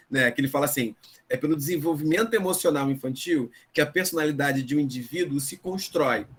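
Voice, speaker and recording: Brief: middle-aged Carioca school director, slightly high voice, talkative webinar teacher, mimics fussing parents. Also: male voice, a little hiss or hum. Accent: Rio de Janeiro Portuguese. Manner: chatty, asks "né?" often, acts out anxious parents in a high voice. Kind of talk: lively webinar talk to parents.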